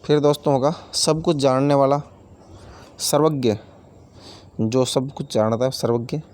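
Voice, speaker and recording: A man's voice: mid-range voice, steady tone, a little slow, a little mellow. A man teaching a grammar lesson, explaining each word with everyday examples and repeating key terms, addressing viewers as friends.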